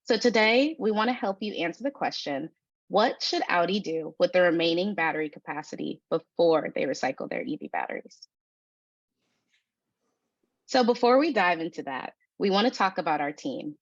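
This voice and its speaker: A young woman delivers a polished, scripted business presentation. Her voice sits a little low, and the recording is dry with a dull, lo-fi tone. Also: expressive, moderate pace, no room sound. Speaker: student presenter.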